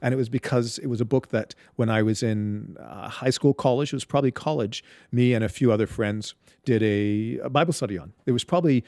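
Male interview guest, halting and reflective, mid-pitched, dry close mic. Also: darkish tone, no room sound. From Barbados. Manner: halting, many restarts and fillers. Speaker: guest, Bible storyteller.

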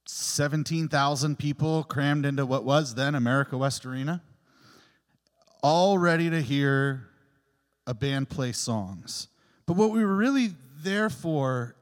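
In a large church, a man delivers a reflective, personal homily, telling stories earnestly while his voice rings with a long cathedral echo. His voice is a little high and expressive, and his pace is a little slow.

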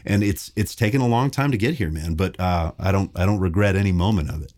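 A man in his forties, a bass player chatting casually in an interview, animated and enthusiastic. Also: fast. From Minneapolis. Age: 40s. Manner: animated, enthusiastic, laughs often.

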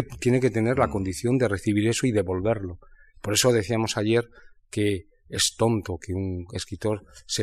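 A man from Spain talking about literature in a reflective conversation, thinking aloud with many pauses and restarts. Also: fairly low pitch. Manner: thoughtful, halting, many restarts and fillers. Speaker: writer in conversation.

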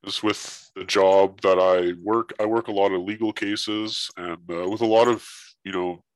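A man's voice: low voice, steady tone, normal speed, no room sound, poor audio. A man talking through a voice changer that disguises his voice, a guest investigator in casual interview chat, blunt and swearing freely.

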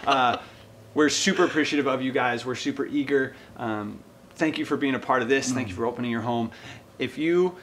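A man's voice: mid-range voice, brisk, a bit bright, slight background noise. Effusive man hosting a home interview. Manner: enthusiastic, effusive, laughs often. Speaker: host of a mission organization video. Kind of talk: casual interview. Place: guests' home.

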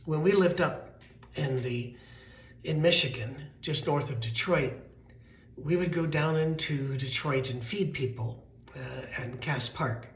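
American male pastor, thin weak voice a bit high, conversational storytelling sermon, roomy echo. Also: measured pace. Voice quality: thin, weakened voice. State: voice weak from allergies. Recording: roomy, echoing sound.

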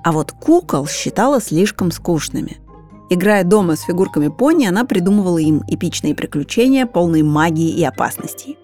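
Female documentary narrator with a lower register, explanatory scripted read over soft background music. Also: lively intonation, fairly quick.

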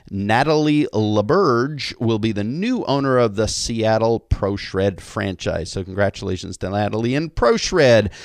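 A man hosts an industry podcast, running through news and then chatting with a guest. His voice sits at a middling pitch and comes across friendly and talkative. The recording is dry and close. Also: no echo. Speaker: podcast host. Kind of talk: news rundown and interview.

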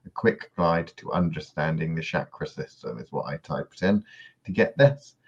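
A man co-hosting a podcast in casual discussion, dry and sardonic, often trailing off quietly at the ends of sentences. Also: very deep voice, normal speed, gravelly, slightly rough, muffled recording. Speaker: podcast co-host.

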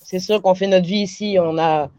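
A woman from France with a French accent, calling in to a podcast over a video call, playful and quick to laugh. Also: fairly low pitch, steady tone, mellow, dry recording. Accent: French from France with Québécois touches. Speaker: caller. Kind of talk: casual call-in chat.

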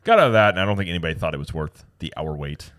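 Low-voiced man telling a rambling story. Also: lively intonation, very fast, a bit bright, dry recording, studio quality. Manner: rambling storyteller, acts out quotes. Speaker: podcast co-host. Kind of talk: casual chat.

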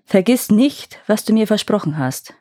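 A woman voicing a stern, solemn male forest spirit in a storybook fairy tale, speaking slowly and with emphasis. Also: sits high, animated, no room sound, studio quality.

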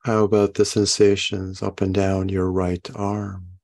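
A man leading a guided meditation, giving gentle, unhurried instructions and soft questions. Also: sits low, monotone, gravelly. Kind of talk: guided meditation, body scan.

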